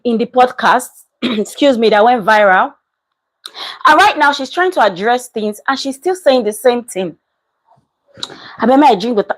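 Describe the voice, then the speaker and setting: A woman commentary vlogger gives casual reactions and reads viewer comments aloud, animated and emphatic, repeating her points. Her voice is fairly high-pitched, and the recording quality is low.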